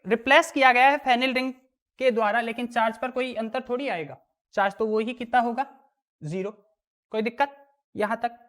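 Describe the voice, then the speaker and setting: A woman teaching a chemistry lesson, asking the class questions and answering them herself. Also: fairly high pitch. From India. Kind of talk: classroom lesson explaining worked exam problems.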